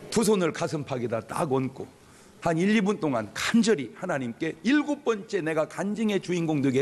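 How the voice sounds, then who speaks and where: A male pastor preaches with a lively, swooping delivery, his voice sitting a little higher than most men's. He jokes and calls out to the congregation. The sound carries a long reverb from a large church hall. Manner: humorous, animated, calls out to the congregation. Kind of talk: sermon. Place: church sanctuary.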